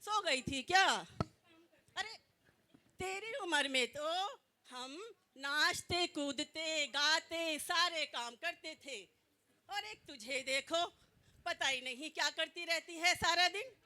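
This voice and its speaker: A woman's voice: very high-pitched, slow pace, heavily acted. Woman playing a nagging mother-in-law. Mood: scolding. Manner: loud scolding calls. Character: nagging mother-in-law scolding her daughter-in-law. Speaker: amateur stage actor. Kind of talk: amateur stage skit.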